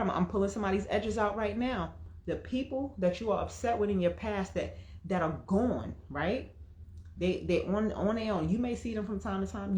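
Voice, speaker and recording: A woman's voice: medium pitch, a little mellow, roomy sound. Emphatic woman coach on a livestream. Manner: emphatic, preachy and direct. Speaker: emotional wellness coach. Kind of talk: livestream motivational talk.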